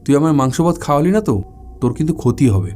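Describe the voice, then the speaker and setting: A man's voice: fairly high pitch, lively intonation, fast, mellow, close to an everyday voice. A man voicing a mysterious old beggar who repeats his request insistently, over faint background music. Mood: threatening. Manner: repetitive, insistent.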